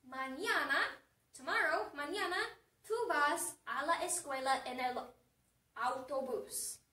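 Woman doing stern yelling father, high bright voice, roomy echo. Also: takes it slowly, distant mic, heavily acted. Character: angry father yelling after his daughter. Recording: echoey room, off the mic.

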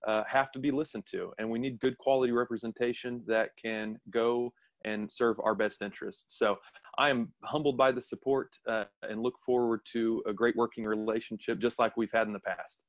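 A man in his thirties speaks earnestly as a political candidate, often pausing on fillers. The sound is dry and close, from a laptop webcam on a video call in an office. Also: mid-range voice, fairly even intonation, no echo. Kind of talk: casual remarks over video call.

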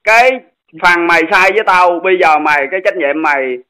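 A man's voice: sits high, a little fast, pushed and bright, smooth. A man, confronting someone on a phone call and insistently demanding an answer. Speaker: channel host in a dispute. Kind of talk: heated phone argument.

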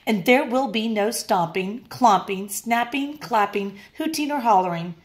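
A woman's voice: a little high, measured pace, natural voice. A woman voicing a strict grown male farmer who announces rules in a firm tone.

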